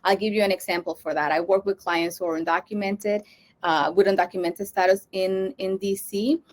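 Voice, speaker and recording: A woman's voice: mid-range voice, fairly even intonation, normal speed, a little mellow. A woman from Honduras, a social worker, giving an educational talk to fellow social workers, earnest and thinking aloud with frequent fillers and restarts.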